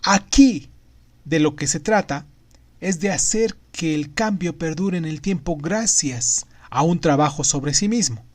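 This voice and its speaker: A man's voice: a little high, unhurried. A man hosting a podcast, narrating a semi-scripted book summary with emphatic stresses on phrases. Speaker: podcast host.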